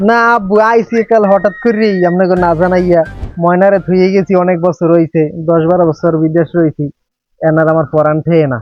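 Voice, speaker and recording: A man playing a fast-talking son-in-law home from abroad. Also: sits high, fairly even intonation, no room sound, natural voice. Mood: earnest. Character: son-in-law back from years abroad, eager and talkative. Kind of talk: comedic village drama acting. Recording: dull lo-fi audio, faint music.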